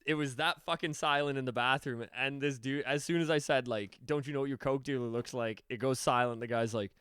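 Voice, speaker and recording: A man's voice: medium pitch, fairly quick, smooth, no echo, clean studio sound. A young man co-hosting a podcast, telling a story in casual, profane chat and acting out quotes. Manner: animated, profane, acts out quotes. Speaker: podcast co-host.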